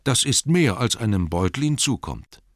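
A man's voice: sing-song, measured pace, no echo, clean studio sound. Bilbo, a man doing a shaky-voiced hobbit. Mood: sad. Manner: shaky, higher put-on voice. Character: small weary male hobbit, nervous and plucky.

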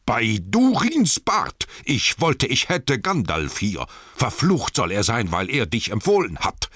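A man's voice: lowish voice, very animated, moderate pace, fairly bright tone, dry recording, voice pushed up. A man voicing a proud, furious male dwarf king in an audiobook, bellowing and commanding, with a dry close sound. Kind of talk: audiobook character voice.

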